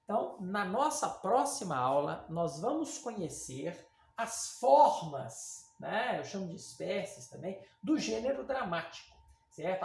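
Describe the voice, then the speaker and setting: A woman with a Brazilian accent teaches a literature class in a lively, rising-and-falling voice. She talks casually and keeps checking in with her students. The room around her is noticeably echoey. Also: medium pitch, creaky. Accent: Brazilian Portuguese. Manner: lively and conversational, many fillers and check-ins with students. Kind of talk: recorded online class lecture.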